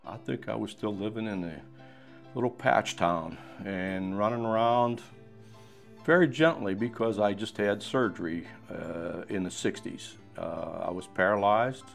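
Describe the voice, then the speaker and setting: 60s guy from pennsylvania, lowish voice, laid back rambling stories, faint music. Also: measured pace, creaky. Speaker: interviewee. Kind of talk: documentary interview storytelling.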